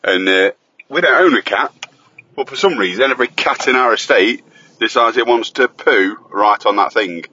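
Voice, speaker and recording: A man's voice: mid-range voice, moderate pace, pushed and bright, dull audio, slight background noise. A man chatting and joking as he hosts his own school-run recording from the car, teasing and bantering. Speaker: host and father on the school run. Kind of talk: casual chat while driving. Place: inside a car on the road. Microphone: phone voice recorder.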